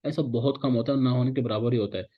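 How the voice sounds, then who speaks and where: A man lectures students in a relaxed, conversational way. He repeats points and keeps checking that they follow. His voice sits at an ordinary middle pitch, and the recording sounds a little dull and lo-fi. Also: fast talker. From Pakistan. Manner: casual, repetitive teaching, often checks in with "theek hai". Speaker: instructor. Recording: slightly dull, lo-fi audio.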